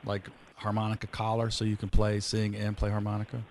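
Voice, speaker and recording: A man's voice: fairly low pitch, completely flat delivery, brisk, a little mellow. A man hosting a podcast interview, chatting casually and telling rambling stories with plenty of fillers. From rural area. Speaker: podcast host.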